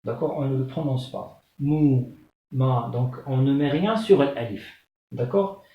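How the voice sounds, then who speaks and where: The same kind of slow, spelled-out lesson: a man teaching Arabic goes syllable by syllable, patiently repeating each, his medium-pitched voice expressive and his pace measured. Echo from the room and a dull lo-fi quality color the audio.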